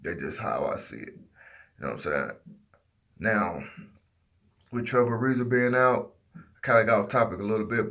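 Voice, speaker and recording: A man's voice: on the low side, a bit bright. A sleepy man hosting a casual sports livestream, giving his opinions while half asleep and groping for words as his train of thought drifts. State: sleepy, half asleep after working all night.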